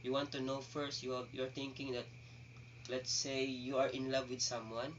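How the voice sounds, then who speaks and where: A man's voice: mid-range voice, flat delivery, normal speed. A male teacher with a Filipino accent walks through a lecture, switching languages and circling back to restate his points. He sits well away from the microphone, so the sound comes through dull and a little muffled, with a faint hiss underneath. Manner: mixes languages, restarts and repeats phrases. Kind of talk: classroom lecture. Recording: distant muffled mic with faint noise.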